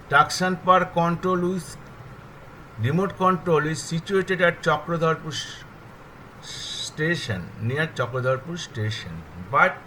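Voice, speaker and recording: Slow, halting older Indian English man. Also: a little high, pushed and bright, a little hiss or hum, rough recording. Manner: deliberate, halting, lists items one by one. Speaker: railway electrical engineer. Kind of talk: technical explanation.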